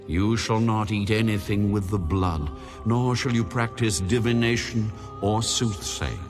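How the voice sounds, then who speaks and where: With music plainly heard underneath, an all-powerful god in a scripture audio drama speaks very low. Each judgment and law he gives is final, his tone solemn and commanding.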